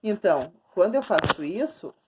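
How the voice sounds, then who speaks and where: A woman schoolteacher giving a remote grammar lesson for children, patiently repeating and slowly stretching out words for young pupils. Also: mid-range voice, big pitch swings, background noise. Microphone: recording at a screen, writing on the board while talking.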